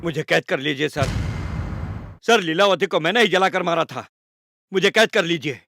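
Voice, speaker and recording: A man's voice: fairly high pitch, expressive, normal speed, background noise. A man dubbing a humbled, repentant corrupt politician in a Hindi film, speaking earnestly. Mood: pleading. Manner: earnest, pleading. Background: film score.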